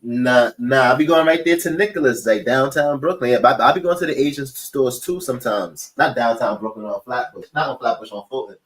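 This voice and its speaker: A man's voice: medium pitch, a little fast, hardly any pauses, rough recording. A man, rambling through casual slangy chat and often checking in with the listener. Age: late 30s.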